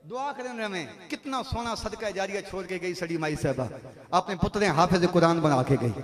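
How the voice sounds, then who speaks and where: A man delivers a fervent storytelling sermon, his voice pitched very high. He calls out praises to God between the stories. The sound carries a long, ringing reverb, as if recorded in a madrasa prayer hall. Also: a bit bright. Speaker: preacher.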